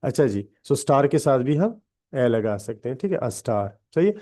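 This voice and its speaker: A man with a dark, mellow voice teaches English grammar in an online class, speaking. He walks through each rule patiently and keeps asking "theek hai?" to check that his students are following. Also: medium pitch, sing-song, normal speed. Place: online class on a video call.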